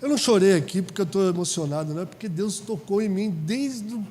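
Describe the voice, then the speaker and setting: A pastor preaching a sermon in a conversational way, asking the congregation questions. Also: male voice, sits high, lively intonation, quick pace, darkish tone. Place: church hall. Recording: reverberant church hall.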